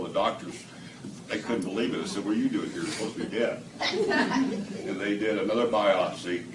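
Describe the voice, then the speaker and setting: A man telling his testimonial to a small audience, acting out the dialogue and laughing often. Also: fairly low pitch. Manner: animated storyteller, acts out quoted dialogue, laughs often. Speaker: testimonial speaker at a product demo. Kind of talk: storytelling testimonial to a live audience. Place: indoor room with a small audience. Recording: echoey room from a distance, audible background noise.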